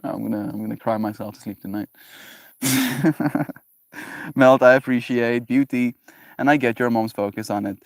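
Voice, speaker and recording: A man hosting a casual livestream, reading chat messages and answering them in an animated way, laughing often. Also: mid-range voice, normal speed, creaky, long pauses, no echo, studio quality.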